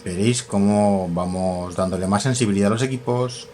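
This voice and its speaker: Man, very low voice, casual workshop demo, thinks aloud, self-corrects, faint room hum behind. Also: normal speed, darkish tone. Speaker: radio equipment tutorial host. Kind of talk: casual hands-on equipment demonstration.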